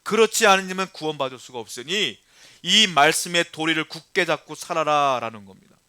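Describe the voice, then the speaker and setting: A man's voice: fairly high pitch, lively intonation, brisk, pushed and bright, clear, resonant tone, no room sound. A male pastor preaching a sermon with emphatic rhetorical questions to the congregation, shifting between polite address and blunt plain talk.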